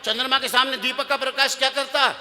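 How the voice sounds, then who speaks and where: A man's voice: very high-pitched, steady tone, brisk, sharp tone, long reverb tail, voice pushed up, full character voice. Lord Shiva, voiced by a male preacher. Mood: patient explaining. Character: calm divine bridegroom Lord Shiva, patiently explaining.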